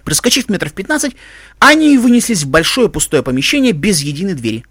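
A man narrating a fan fiction story with expressive, dramatic storytelling. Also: sits high, fast talker, slightly rough, dry recording, clean studio sound. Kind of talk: audiobook fan fiction reading.

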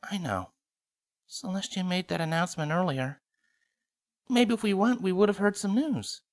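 Brief: woman voicing a wry, gentle noble mom pony, calm and quiet. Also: fairly low pitch, normal speed, pitched above the performer's own voice, lightly acted.

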